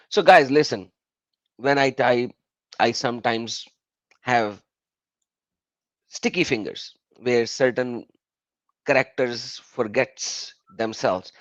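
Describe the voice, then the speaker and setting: A man whose first language is Urdu hosts a live call-in stream in casual English, explaining things animatedly with many fillers. His pitch is medium. The recording is dry, with the highs cut off.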